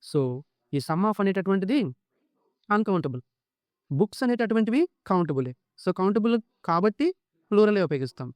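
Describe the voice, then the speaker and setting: Telugu-accented man teaching grammar, crisp dry voice. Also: high voice, animated, darkish tone, dry recording. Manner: mixes Telugu explanation with slow, deliberately spoken English rules. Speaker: English teacher. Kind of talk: exam-prep grammar lesson.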